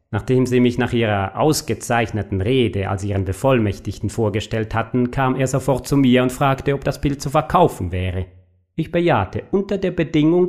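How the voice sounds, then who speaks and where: A man voicing a sly, suave male secretary who tempts like a devil, in a smooth, coaxing, mocking manner. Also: mid-range voice, darkish tone, pitched above the performer's own voice, close to an everyday voice. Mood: persuasive.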